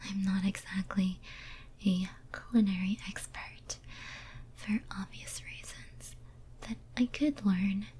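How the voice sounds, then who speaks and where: Her natural, medium-pitched voice holds a steady tone as she whispers softly and breathily, tenderly and intimately, in an ASMR roleplay. She plays a lonely female demon who is devoted and possessive, with a yearning, clingy manner that's slow and halting.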